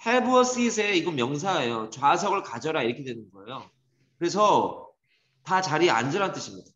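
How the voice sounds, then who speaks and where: A man teaching an English grammar lesson to a class, lively and teasing, scolding students. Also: a little high. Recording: dull echoey classroom recording.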